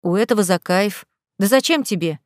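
A woman's voice: mid-range voice, expressive, normal speed, a little mellow, dry recording, clean studio sound, natural voice. Nika, a woman playing a snappy spoiled girl. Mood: irritated. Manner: snappy, irritable.

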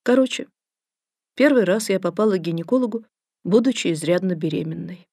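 A woman's voice: on the low side, a little fast, warm tone, breathy edge, dry recording. Woman, audiobook reader, first-person narration, ironic tone, dry close sound.

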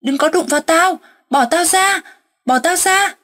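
A woman voicing a frantic, possessed old village man who shouts accusations in a husky voice. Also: high-pitched, moderate pace, voice pushed up. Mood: terrified. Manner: shouting accusations, wild and fearful.

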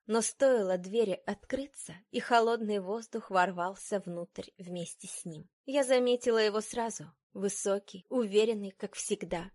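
A woman's voice: mid-range voice, dry recording, clean studio sound. Woman narrating a dramatic story. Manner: dramatic, expressive reading. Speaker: audiobook narrator. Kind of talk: scripted first-person story narration.

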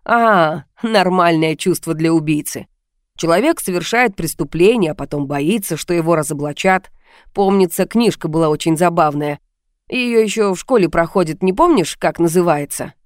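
A mocking, menacing male blackmailer talks down to his victim, calling her baby with cold condescension, as a woman reads him in an audiobook. The voice sits low and the recording is close and dry, with no room sound. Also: normal speed, no room sound, natural voice. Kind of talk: audiobook reading.

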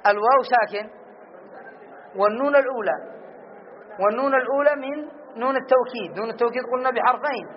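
Brief: male grammar teacher, very high voice, drills example words slowly, lo-fi classroom audio. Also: slight background noise. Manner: slow, drawn-out repetition of example words, quizzing students. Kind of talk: classroom lesson. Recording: dull lo-fi classroom recording.

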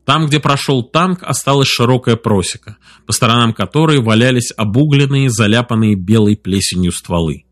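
A man narrating an audiobook in a measured, steady reading voice. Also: mid-range voice. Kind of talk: scripted narration.

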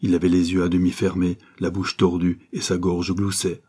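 A man narrating an audiobook in a steady, measured storytelling voice. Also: low-pitched, breathy edge.

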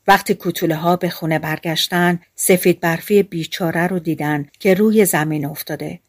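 Woman, audiobook narrator, calm measured storytelling, low pitch, dry recording. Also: dry recording.

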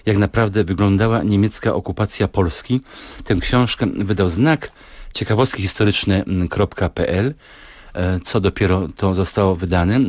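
A man with a low voice hosts a radio interview from a studio. He talks in a measured way and often stops to search for the right word. The sound is close and dry, with no room around it. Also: no echo. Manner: measured, hesitant, searching for words. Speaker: radio host. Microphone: studio microphone.

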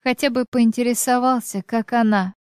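A woman voicing a bitter, sharp-tongued ex-wife of about forty who snaps with scorn, in a smooth voice. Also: a little high, steady tone, moderate pace, no echo, studio quality, voice pushed up, lightly acted. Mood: scornful, bitter. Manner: scornful, snapping.

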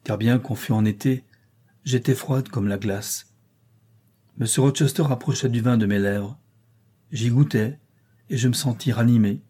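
Husky-voiced man reading a novel. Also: medium pitch. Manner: measured, even storytelling. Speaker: audiobook narrator. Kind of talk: scripted narration of a novel.

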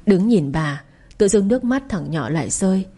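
A woman's voice: medium pitch, animated, moderate pace, warm tone. A woman narrating a gritty audio story and voicing all of its characters herself. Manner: voices every character herself, rough and angry for the thugs.

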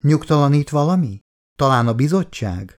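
A man's voice: on the high side, lively intonation, a little mellow, voice pushed up, lightly acted. Man voicing a fretful affectionate middle-aged wife. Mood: worried tender. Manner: chatty, anxious, coaxing.

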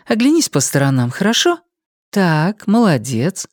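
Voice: mid-range voice, big pitch swings, unhurried, no room sound, pitched above the performer's own voice. A kind, patient young woman, as a narrator plays her, coaxing a frightened child step by step. The voice is close and dry. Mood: soothing. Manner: gentle, coaxing.

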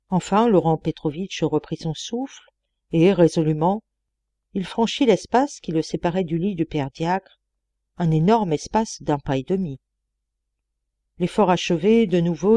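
A woman narrating a literary audiobook in a measured, expressive way. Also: on the low side, no echo. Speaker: audiobook reader.

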